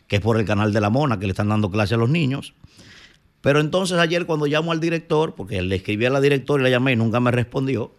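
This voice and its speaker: Indignant Dominican radio commentator, man. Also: mid-range voice. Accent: Dominican Spanish. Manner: indignant, scolding, emphatic. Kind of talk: opinion commentary.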